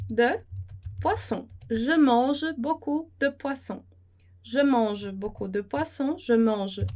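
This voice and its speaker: A woman with a Brazilian Portuguese accent teaches a French lesson, repeating each phrase slowly and then translating it. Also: a little high, darkish tone. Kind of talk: slow, patient language lesson with repetition.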